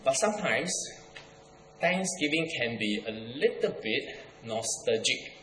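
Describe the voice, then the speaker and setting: A man's voice: medium pitch, big pitch swings, measured pace, a bit bright, a little hiss or hum. A middle-aged man from Singapore with a Singaporean accent, preaching a sermon as a guest pastor, with light humor. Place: church hall. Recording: echoey church hall.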